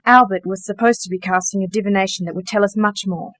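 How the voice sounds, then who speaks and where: Speaking quickly with fairly even intonation, a woman performs the part of a dryly witty, genteel sorceress who organizes magic workers in a radio drama. Her delivery is polite, precise and matter-of-fact, and her natural, medium-pitched voice has a fairly bright tone.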